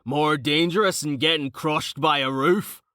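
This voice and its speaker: A man's voice: a little high, unhurried, bright, forceful tone, no room sound, pitched above the performer's own voice. Audiobook: male narrator plays a boisterous, swearing brute of a warrior, dry close read. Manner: boisterous, swears, rough slang. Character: brash burly male warrior, crude joker.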